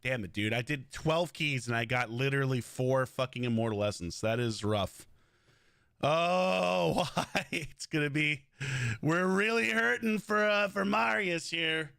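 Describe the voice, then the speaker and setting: Male streamer, excitable and profane, high and bright voice, close dry mic, casual banter with chat. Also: moderate pace, vocal fry, clear, resonant tone, dry recording. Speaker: game streamer.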